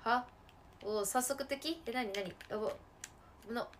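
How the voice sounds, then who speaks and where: A woman game streamer talks casually to her viewers as she plays. Her voice sits a little high. She laughs a lot and now and then blurts out a loud cry. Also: measured pace, a little hiss or hum. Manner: chatty, laughing often, with sudden loud outbursts. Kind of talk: casual live-stream chat while gaming.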